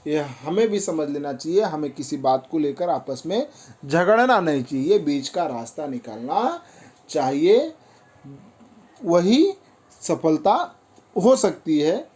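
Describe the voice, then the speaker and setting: A male teacher with a mellow, soft-toned voice talks through a poem with his class. He speaks at an unhurried pace, chants the verses with repetition and then explains them line by line. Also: fairly high pitch, very animated, slightly rough. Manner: recites verses in a sing-song way, repeating phrases, then explains them.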